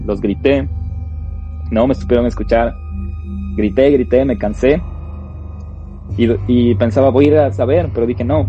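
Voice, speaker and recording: A man tells a personal ghost story to podcast listeners, slowly and with suspense. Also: mid-range voice. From Ecuador. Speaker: podcast co-host. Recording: dull lo-fi sound with faint music.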